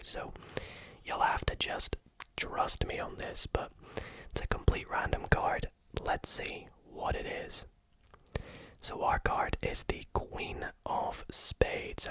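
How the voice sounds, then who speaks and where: A magician giving a whispered ASMR tutorial, gently explaining things step by step. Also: no echo. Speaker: magician teaching a card trick.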